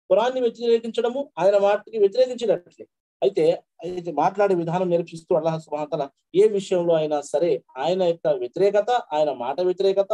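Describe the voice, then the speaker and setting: A male preacher delivers a sermon in a high-pitched voice. His tone is warm and dark rather than bright. He chants the verses slowly and then explains them in a quick conversational flow. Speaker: Islamic preacher.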